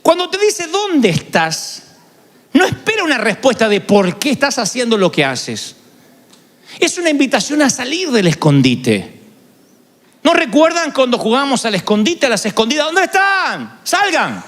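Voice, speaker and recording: A man's voice: very high voice, sing-song, normal speed, a bit bright. A man preaching a sermon in a large hall, dramatic and storytelling, acting out quoted voices. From Argentina. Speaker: pastor. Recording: large hall with long reverb.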